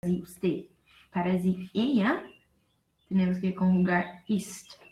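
A woman's voice: lowish voice, warm tone, rough recording. A woman explaining German grammar in a casual lesson, hesitant and full of fillers. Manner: slow, hesitant, many fillers. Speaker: German teacher.

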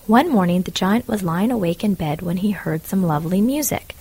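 A woman calmly narrating a fairy tale in a measured storytelling manner. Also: medium pitch, husky. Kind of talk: storybook reading.

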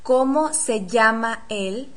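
A woman teaching a pronunciation lesson, saying model sentences slowly and carefully so they can be repeated. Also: fairly high pitch. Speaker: language teacher. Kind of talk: slow, clearly articulated pronunciation drill.

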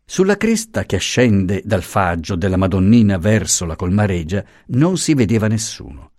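A man reading a novel aloud as the narrator, in a measured, expressive way. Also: lowish voice, dry recording, clean studio sound. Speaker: audiobook narrator.

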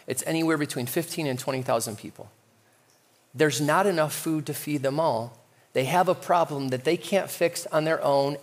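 A male pastor preaching a sermon in a conversational way, with light humor. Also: a little high.

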